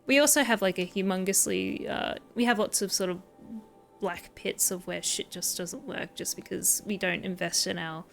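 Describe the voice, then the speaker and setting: A woman's voice: medium pitch, moderate pace, gravelly, soft background music. A woman streaming a game, chatting casually with viewers, rambling and swearing freely. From Australia.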